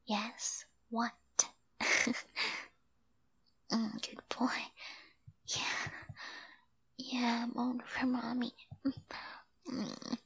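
Slow breathy whispering woman. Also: a little high, little pitch movement, highs cut off. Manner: soft hushed whispering with sighs. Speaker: audio roleplay performer. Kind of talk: intimate whispered roleplay.

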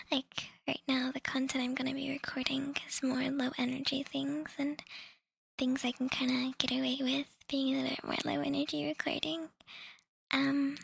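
A young woman speaks in a soft, close whisper with a heavy gravelly fry running through it. Her voice sits high but stays flat, and she talks slowly, rambling and apologizing. The sound is dry and close, with no room echo. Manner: rambling, apologetic, many ums. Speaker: audio creator updating listeners. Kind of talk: whispered casual update.

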